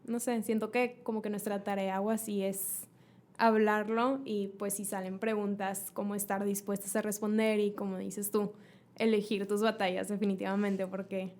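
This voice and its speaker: A woman's voice: medium pitch, little pitch movement, moderate pace, darkish tone. A woman co-hosting a podcast, musing hesitantly in casual conversation. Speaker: podcast co-host.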